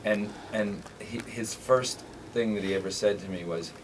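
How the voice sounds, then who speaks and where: Appearing as a guest actor in a radio studio, a man chats casually and tells stories, joking and poking fun at himself. His voice is lowish and his pace moderate. The mic sits at a distance, picking up steady background noise.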